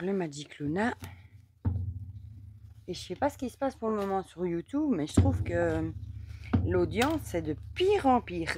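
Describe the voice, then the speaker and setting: Hoarse woman chatting while reading cards. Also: fairly low pitch, a little hiss or hum. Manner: chatty and rambling, many fillers. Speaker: oracle card reader, channel host; mother. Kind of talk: casual chat during a card reading.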